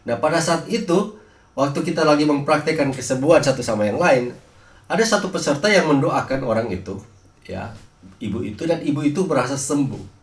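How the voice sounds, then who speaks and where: A man's voice: mid-range voice, expressive, a little fast, roomy sound, far from the mic. A man preaching a sermon, telling healing stories with frequent restarts and hesitations. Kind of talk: sermon with personal healing testimony.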